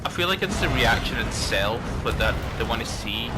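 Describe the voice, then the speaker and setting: A man's voice: medium pitch, animated, normal speed. A man chatting casually as a co-player in a gaming session, in a hesitant way that circles back over his words. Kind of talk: casual chat while gaming. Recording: music behind the voice. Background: music.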